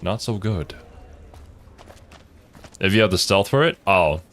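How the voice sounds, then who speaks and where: A man's voice: low-pitched, fairly bright tone. A young man giving casual, amused game commentary, musing aloud as he plays. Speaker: let's player.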